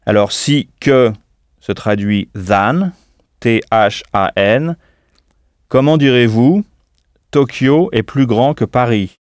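A man teaching as a language tutor in a scripted audio lesson, speaking slowly and spelling words out letter by letter. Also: mid-range voice, no echo, clean studio sound.

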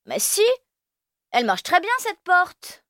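A woman's voice: extremely high pitch, sing-song, slow pace, a bit bright, dry recording, studio quality, pitched above the performer's own voice, heavily acted. A woman voicing a chirpy, practical young boy.

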